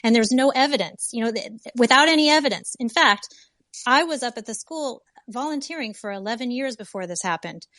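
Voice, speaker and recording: A woman's voice: fairly high pitch, animated, a little fast, fairly bright tone, dry recording. A woman and mother on a discussion panel, speaking in a heartfelt, insistent way. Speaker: parent panelist.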